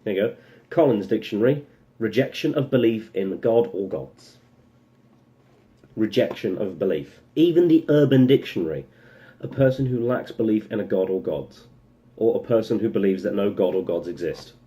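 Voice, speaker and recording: A young man vlogging a casual opinion piece in a lowish, mellow voice. He rambles and goes off on sarcastic tangents, then cuts himself short and drags the point back. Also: animated, moderate pace. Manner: rambling, sarcastic, full of self-interrupting asides.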